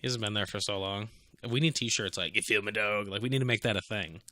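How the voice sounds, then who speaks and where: A man's voice: on the low side, quick pace, bright, forceful tone. A young man co-hosting a casual podcast, joking around, laughing often and swearing. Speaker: podcast co-host. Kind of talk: casual chat.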